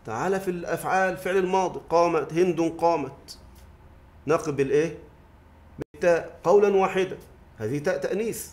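In a mosque study circle, a man teaches a grammar lesson explaining verse, often posing a question to the class and answering it himself. His voice is a little high and a little mellow, and he speaks fairly quickly.

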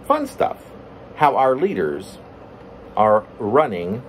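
A middle-aged man with a mid-range voice reads his own poem informally in a plain room at home. His delivery is halting, and he keeps breaking into his lines with asides. Air conditioning adds a steady hum to the room.

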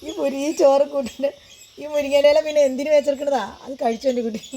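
A woman vlogging at home, talking to her dog in a coaxing, affectionate way and gently scolding it. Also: high-pitched, fairly even intonation, quick pace, slight background noise. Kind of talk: casual home vlog, baby talk to a pet.

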